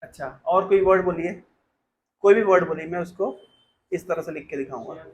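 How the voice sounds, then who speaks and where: A man's voice: high-pitched, normal speed, echoey room, highs cut off. A man teaching a class in a casual, questioning way, coaxing students to answer.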